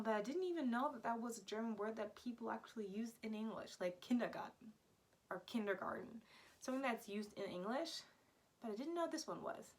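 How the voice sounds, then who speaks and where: Bright, giggly young American woman. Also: mid-range voice. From Florida, United States. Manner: giggly, laughs often, chatty with many "like" fillers. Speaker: language vlogger. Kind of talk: casual talk to camera.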